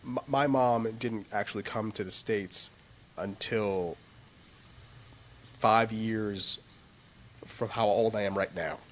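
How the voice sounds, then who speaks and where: A man, the music director, in a casual podcast chat, speaking in a halting way as he searches for words. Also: on the low side, fairly even intonation, fairly bright tone.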